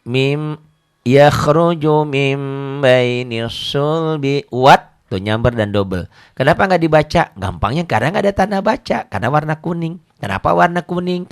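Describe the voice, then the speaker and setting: A middle-aged man teaches Quran reading at an easy, chatty pace. His voice sits at an ordinary middle pitch. He jokes, repeats words and slows right down to recite verses. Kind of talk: casual teaching with anecdotes.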